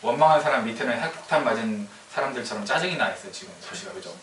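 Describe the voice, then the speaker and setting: Chatty pastor in an echoey church. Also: male voice, medium pitch, lively intonation, very fast, a bit bright, slight background noise. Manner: chatty, teasing, asks the congregation questions. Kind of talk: casual sermon. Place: church sanctuary. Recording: echoey church hall from a distance.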